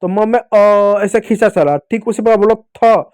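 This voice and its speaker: Man, high-pitched, Indian Hindi accent, patient children's teacher, repeats key points. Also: a little fast, dark tone. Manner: patient, repeats key points, asks and answers own questions. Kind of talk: classroom lesson to children.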